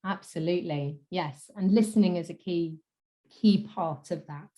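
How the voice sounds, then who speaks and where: With a croaky, fairly low-pitched voice, this communication coach talks at a moderate pace as an interview guest. She is thoughtful and conversational, relies on fillers, and lets the ends of her sentences fade softly.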